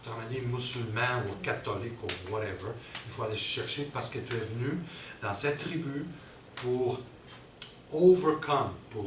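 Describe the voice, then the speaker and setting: A man's voice: mid-range voice, normal speed. A middle-aged man, presenting a workshop and explaining step by step, often checking in with his audience. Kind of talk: teaching a workshop. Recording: roomy and distant with background noise.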